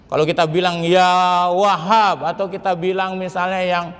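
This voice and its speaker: A middle-aged man preaching a lively mosque sermon, joking with the congregation. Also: high voice, moderate pace. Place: large mosque hall. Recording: reverberant mosque hall.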